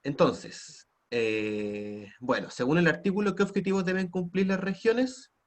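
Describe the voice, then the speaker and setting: Over a video call on a computer mic, a man teaches an online class in Chilean-accented Spanish, often prompting students with tag questions. His voice is high-pitched and his pace measured.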